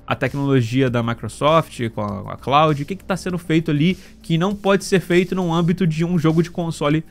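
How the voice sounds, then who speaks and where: A man's voice: a little high, brisk. A Brazilian man giving casual, slangy gaming news commentary, often checking in with short tag questions. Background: background music.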